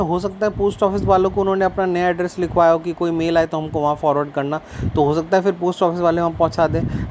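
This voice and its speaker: A man teaching an English story, reading English lines slowly and then explaining them in Hindi, with a faint hiss behind him. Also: high voice, a little mellow.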